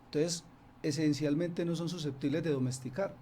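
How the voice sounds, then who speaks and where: A man's voice: a little high, fairly even intonation, moderate pace, dark tone, slight background noise. A man from Antioquia, a guest on a radio interview, explaining casually with many restarts and fillers. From Antioquia, Colombia. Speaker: snake expert guest. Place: radio studio.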